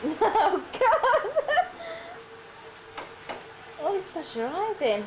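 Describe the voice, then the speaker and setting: A woman's voice: very high-pitched, big pitch swings, very slow, background noise. A woman filming a family home video, giggling and calling out to the others, heard on an old camcorder tape. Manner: giggly, shouting encouragement. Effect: old VHS home video tape sound. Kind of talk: casual family chatter behind the camera. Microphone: camcorder microphone.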